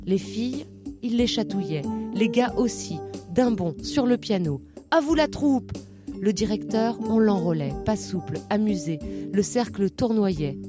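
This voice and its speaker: A woman narrating a literary story, reading short phrases in a measured, rhythmic way. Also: mid-range voice. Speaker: audiobook narrator.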